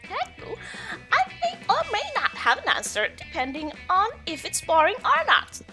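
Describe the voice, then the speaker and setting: A woman acts out a breezy young ghost girl from a video game. She is casual and flippant, with a high voice that swoops about over light music. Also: huge pitch swings, moderate pace, exaggerated voice.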